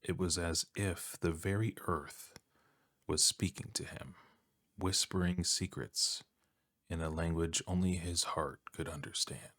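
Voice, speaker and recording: A deep-voiced man speaks softly as he narrates an ASMR bedtime story, calm and soothing, with long pauses.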